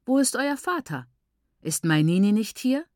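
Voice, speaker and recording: A woman's voice: a little high, big pitch swings, normal speed, darkish tone, no room sound, studio quality, voice pushed up. A woman reading the lines of a stern older man who heads the family, speaking in a commanding, questioning way. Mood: brisk.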